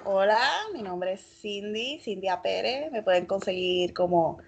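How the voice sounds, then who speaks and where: A woman's voice: medium pitch, a little slow, creaky, slightly rough, muffled recording. A woman in her thirties from Puerto Rico with a Puerto Rican Spanish accent, a guest talking reflectively in a casual interview, with lots of fillers and hedging. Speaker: guest, fashion blogger.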